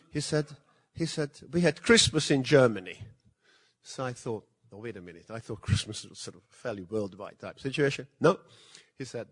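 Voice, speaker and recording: An older man from Hungary giving a lecture, telling stories in a dry, self-deprecating way. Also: fairly low pitch. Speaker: guest speaker. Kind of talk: anecdotal lecture. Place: museum lecture hall.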